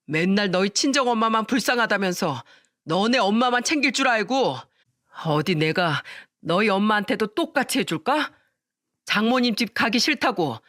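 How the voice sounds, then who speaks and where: A woman voicing a hot-tempered middle-aged son who shouts accusations and then apologizes tearfully. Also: mid-range voice, dry recording, clean studio sound, natural voice.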